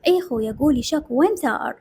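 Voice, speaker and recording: A woman's voice: high voice, lively intonation, rapid-fire, a little mellow, slight background noise. A woman voicing a worried young male cousin on the phone, with an Iraqi accent, firing off anxious questions. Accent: Iraqi Arabic.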